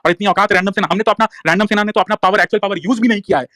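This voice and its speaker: A man's voice: sits high, steady tone, racing, pushed and bright, dry recording. A young man from Bihar delivering an angry, profane, repetitive rant to listeners in a live audio room, defiant and heated. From Bihar, India. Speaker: online activist speaking in a live audio room. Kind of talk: angry ranting monologue.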